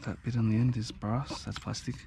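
A man's voice: medium pitch, little pitch movement, brisk. A man gives casual, fragmented commentary to himself while rummaging outdoors at the curbside. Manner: short fragmented remarks, often talking to himself. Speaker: vlogger collecting curbside throwaways. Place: outdoors on a street curb. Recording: clear background noise, clicking and clatter.

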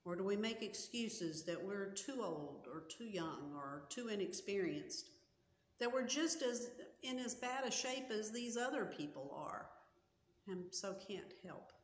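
Slow, earnest woman pastor in an echoey church. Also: mid-range voice, expressive, slight background noise. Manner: slow, earnest and measured, with gestures. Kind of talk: sermon and prayer. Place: small church sanctuary with a cross on the wall. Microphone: camera in front at chest height. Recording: echoey church hall with long reverb.

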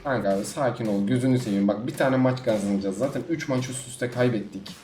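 A man giving live commentary on his own gameplay as a gaming YouTuber, swinging between low muttering and sudden outbursts. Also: fast, dark tone. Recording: echoey room with faint music.

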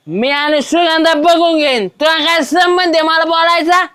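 A man playing a tipsy, quarrelsome village man who dodges a debt, with a loud, bickering manner. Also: very high-pitched, expressive, moderate pace, slight background noise. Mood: shouting. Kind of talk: village comedy web series.

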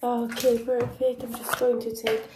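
A young woman with a high voice plays out a fast, soft-spoken ASMR role-play. She repeats words in quick strings. The recording is full of loud handling noise and clicks. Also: flat delivery. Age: young adult. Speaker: ASMR performer.

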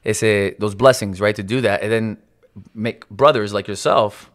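A man's voice: fairly low pitch, fairly even intonation, slow pace. A man raised in California and Miami, a real estate mentor who talks casually as a radio guest and mixes English and Spanish. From United States, raised in Miami. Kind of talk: bilingual casual interview.

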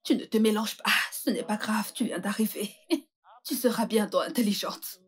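A woman's voice: medium pitch, moderate pace, a little mellow, husky, lightly acted. An actress in a French dub playing a coarse woman prisoner from a poor district, who taunts her new cellmate. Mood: taunting. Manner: taunting, crude and boastful.

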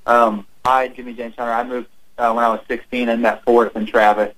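A man's voice: mid-range voice, fairly quick, dry recording. Young man joking on a phone call. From California. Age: 20s. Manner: relaxed, joking, polite. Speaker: band member, guest. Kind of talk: casual interview by phone.

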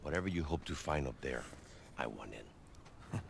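An actor playing a corrupt, menacing prison warden with a gravelly voice in a video game. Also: male voice, rumbling low, lively intonation, normal speed, slight background noise, heavily acted. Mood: scheming.

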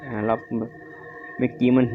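A man doing casual commentary on a horror game as he plays, jumpy, exclaiming often and swearing freely. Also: normal speed. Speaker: game streamer. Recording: somewhat dull lo-fi audio with loud game music. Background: horror game music and sound effects.

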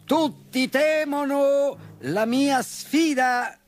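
A man voicing a boastful, lazy and dim-witted bull in a storybook, bragging loudly in rhymes. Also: high voice, lively intonation, takes it slowly, no echo, faint music behind, pitched above the performer's own voice, exaggerated voice. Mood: scornful. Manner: loud bragging sing-song rhymes.

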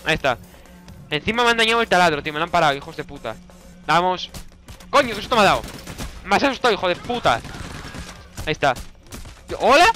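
A young man with a Spanish accent from Spain, giving let's play commentary, excitable and shouting orders at his teammates while swearing constantly. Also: sits high, fast, pauses often, soft background music. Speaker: gaming YouTuber.

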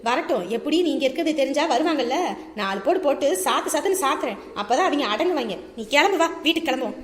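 A woman's voice: high voice, lively intonation, quick pace, roomy sound, big-room sound, crowd noise. A woman playing an outspoken elderly village grandmother in a comedy skit, scolding and protective with emphatic calls. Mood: indignant.

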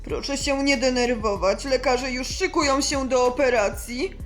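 A woman voicing a calm, reassuring male hospital doctor who speaks slowly and steadily. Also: high voice, soft background music, pitched below the performer's own voice, close to an everyday voice. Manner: slow, steady, soothing.

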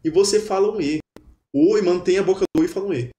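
A man giving a lively, chatty webinar lesson and drilling pronunciation. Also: high voice, fast. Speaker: German teacher. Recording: roomy echo.

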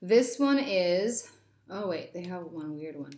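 A woman's voice: on the low side, animated, slow pace, a little mellow. Giddy chatty woman in an echoey room. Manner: chatty and giddy, lots of "like" and little gasps. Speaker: toy unboxing vlogger. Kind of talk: casual unboxing chat.

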